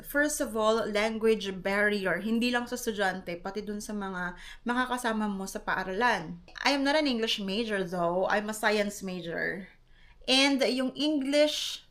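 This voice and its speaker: A young adult woman from the Philippines, a foreign English teacher, telling a casual vlog story in an animated way, laughing often and mixing English into her talk. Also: on the high side.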